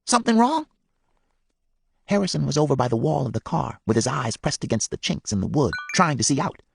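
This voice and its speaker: A man reading a first-person novel aloud in a measured, expressive way. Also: medium pitch, vocal fry, slightly rough, no room sound. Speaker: audiobook reader. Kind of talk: storybook narration.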